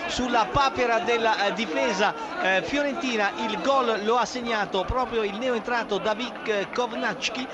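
A man giving breathless, excited live football goal commentary with drawn-out hesitations. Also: sits high. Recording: muffled sound under loud stadium crowd noise. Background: loud stadium crowd.

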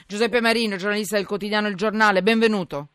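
A woman's voice: mid-range voice, steady tone, fast, fairly bright tone, clean tone, no room sound. A woman hosting a live radio news talk, speaking in an emphatic, indignant way and often cutting in. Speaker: radio host.

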